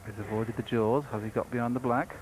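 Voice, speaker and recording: A man of average pitch gives live snooker commentary. He analyses the play in a conversational way, with clear noise behind his voice. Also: little pitch movement, fast talker. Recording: noisy broadcast background.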